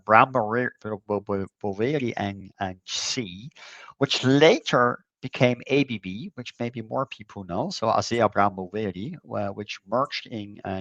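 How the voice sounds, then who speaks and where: A middle-aged man born in the Netherlands, chatting as an interview guest, with a halting way of talking full of fillers and repeated words. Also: fairly low pitch, fairly bright tone, dry recording, dull audio. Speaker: conference co-organizer, guest. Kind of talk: casual conversational interview.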